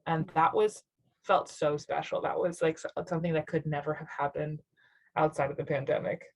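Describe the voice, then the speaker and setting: Through a low-quality recording comes a young woman's low-pitched voice with flat delivery at a normal speed. A musician from near Nashville in the Southern US, she chats casually as an interview guest, rambling and reflecting, laughing often and using lots of fillers.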